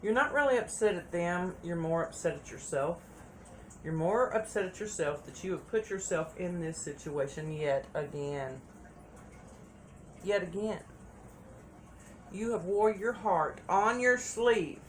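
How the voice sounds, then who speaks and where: A woman's voice: fairly low pitch, lively intonation, normal speed, a little hiss or hum. A woman giving a casual tarot reading, chatty and repeating phrases for emphasis. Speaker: tarot reader.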